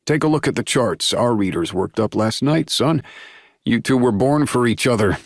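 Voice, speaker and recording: Man doing old werewolf pack leader, fond and effusive, husky, audiobook. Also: mid-range voice, lively intonation, normal speed, no room sound, clean studio sound, voice pushed up. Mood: earnest. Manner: warm, delighted, effusive. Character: jovial older male werewolf pack leader, doting father. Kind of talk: audiobook character voice.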